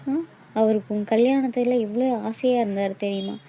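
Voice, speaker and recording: A woman's voice: fairly high pitch, fairly even intonation, moderate pace, mellow, slight background noise, close to an everyday voice. A woman playing a bitter, scolding mother. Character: angry, hurt mother of the bride.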